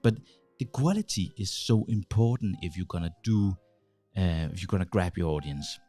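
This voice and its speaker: A Danish man in his 40s hosts a casual talk to camera from a small, dimly lit home studio, wearing headphones and using a large studio mic on a boom arm. His very low voice is expressive with a dark tone, and his halting delivery is full of restarts and fillers as he gestures. Faint music plays in the background.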